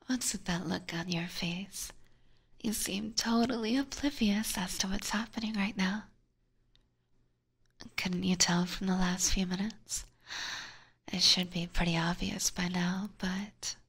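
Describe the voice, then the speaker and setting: Voicing an obsessive, seductive vampire catgirl for an ASMR roleplay, this woman whispers intimately and teasingly, with sweet menace, right into a close binaural microphone. Her breathy voice is mid-range, a bit bright and exaggerated.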